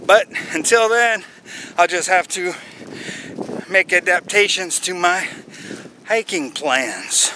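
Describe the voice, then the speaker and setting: A middle-aged American man chatting casually to viewers in an unhurried way while walking outdoors, recorded on a built-in microphone with wind noise. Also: sits high, lively intonation, pushed and bright, low-quality recording. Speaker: hiking vlogger. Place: outdoors in a windy wooded park. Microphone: camera's built-in microphone while walking. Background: wind, faint outdoor noise.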